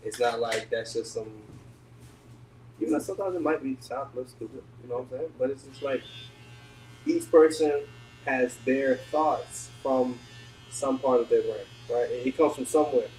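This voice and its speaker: A man in a casual group podcast chat, explaining his point calmly and step by step. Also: medium pitch, normal speed. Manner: calm, explanatory. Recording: echoey room, mic at a distance, faint noise.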